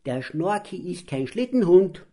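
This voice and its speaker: A man's voice: high voice, very animated, a little slow, dark tone, voice pushed up. A man doing a cheerful know-it-all child. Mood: amused. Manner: laughing, explaining.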